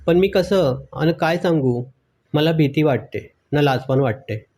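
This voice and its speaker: A man's voice: fairly high pitch, measured pace, darkish tone. A man voicing a shy, nervous young wife in a read-aloud story, speaking timidly. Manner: hesitant, timid.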